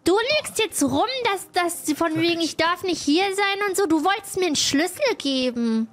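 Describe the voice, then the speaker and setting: A woman doing in-character roleplay, indignant and quick to talk back. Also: extremely high pitch, fairly bright tone. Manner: indignant, talks back fast.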